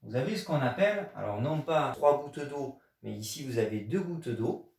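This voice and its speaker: In an echoey room, far from the mic, a man from France gives a video lesson as a Chinese teacher. His mid-range voice is creaky and a little mellow with lively intonation and moderate pace, as he patiently explains and emphasizes key words.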